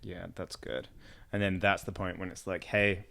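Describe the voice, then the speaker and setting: A male podcast host with a very deep voice and a gravelly, creaky texture. He asks open questions and keeps agreeing with his guest. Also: little pitch movement, normal speed, bright, forceful tone. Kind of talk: conversational interview.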